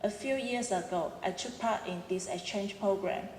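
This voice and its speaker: A young Hong Kong woman in her twenties, speaking with a Cantonese accent, delivers an earnest prepared student speech at a ceremony, making small restarts along the way. Her voice is mid-range and moderately paced. The large auditorium gives an echoey, roomy reverb, with slight background noise.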